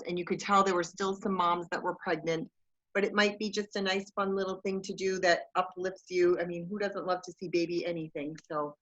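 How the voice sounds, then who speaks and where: A woman's voice: fairly low pitch, a bit bright, highs cut off. A woman telling a story in casual, chatty fashion over a video call. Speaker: staff member sharing news.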